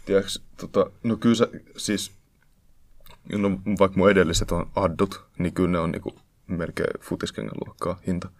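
A young man co-hosting a podcast, chatting in a relaxed way with frequent restarts. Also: sits low, dry recording. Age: young adult. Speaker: podcast co-host. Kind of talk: casual chat. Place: classroom.

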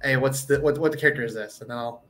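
Bright-voiced laid-back male guest. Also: mid-range voice, rapid-fire, faint music behind. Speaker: comic writer, guest. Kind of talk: casual interview.

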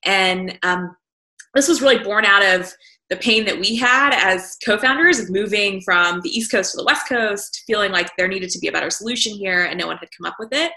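A woman's voice: mid-range voice, brisk, pushed and bright, roomy sound. A woman entrepreneur from the American South telling her story in a casual interview, with frequent fillers. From Southern United States. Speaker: entrepreneur guest.

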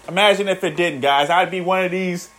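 A man's voice: sits high, fairly quick, a bit bright. A man in his thirties, rambling through a profane motivational vlog and calling his viewers "guys". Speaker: vlogger. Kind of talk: casual motivational monologue.

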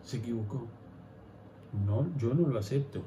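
A man with a Rioplatense Spanish accent preaching a sermon as pastor, swinging from hushed pleading to loud emphatic preaching. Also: medium pitch, normal speed, reverberant, a little hiss or hum.

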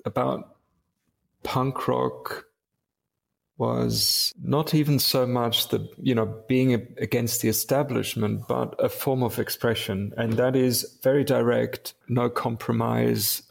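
German man with a gravelly voice. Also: mid-range voice, fairly even intonation. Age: 50s. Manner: halting, many restarts and fillers. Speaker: guest, industrial designer. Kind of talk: casual interview.

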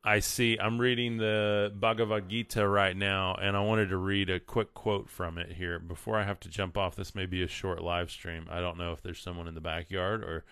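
A man's voice: deep voice, flat delivery, normal speed, hardly any pauses, fairly bright tone, clear, resonant tone, no echo, clean studio sound. A man with a West Texas twang talking as a livestream host, earnest and emphatic, often repeating words for emphasis. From West Texas, United States. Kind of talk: casual livestream monologue with read-out comments and quotes.

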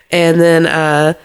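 A woman's voice: sits low, smooth. A young woman co-hosting a casual movie podcast, retelling scenes and laughing often. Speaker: podcast co-host. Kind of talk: casual movie review chat.

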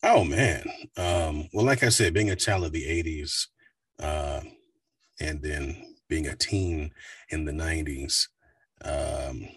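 A man in his forties from the United States, a voice actor and coach with a deep baritone, talking animatedly in an interview. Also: breathy edge, dry recording, distant mic. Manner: animated, slips into quick voice demos. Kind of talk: casual interview talk.

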